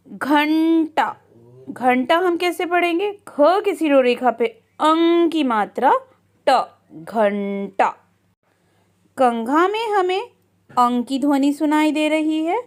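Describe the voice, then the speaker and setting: A woman's voice: high voice, darkish tone, dry recording, studio quality. A woman teaching young children to read, sounding out syllables one by one and answering her own questions. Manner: slow, deliberate sounding-out of syllables; asks questions and answers them herself. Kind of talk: children's reading lesson.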